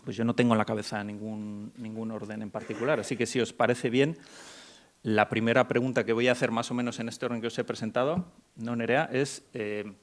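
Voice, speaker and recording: A man's voice: mid-range voice, fairly even intonation, a little fast. A man from Mexico moderating a medical conference panel, introducing speakers with frequent restarts and hesitations. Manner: hesitant, many restarts and fillers. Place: conference hall.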